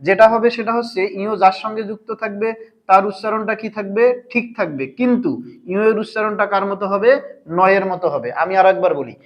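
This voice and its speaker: A man's voice: high voice, fairly quick, lo-fi sound. A man teaching a language lesson, asking his viewers questions and answering them himself. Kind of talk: explanatory grammar lesson.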